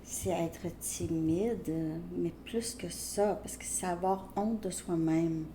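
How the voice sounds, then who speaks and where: Slow-spoken Québécois woman reading tarot. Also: lowish voice, dark tone, a little hiss or hum. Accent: Québécois French. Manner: slow, hesitant, many fillers and restarts. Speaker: tarot reader.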